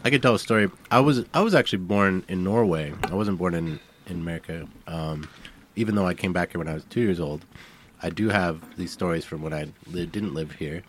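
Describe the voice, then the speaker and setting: A man's voice: low-pitched, a little fast, a little hiss or hum. A man telling a casual personal story on the radio, hesitant and full of fillers. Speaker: guest.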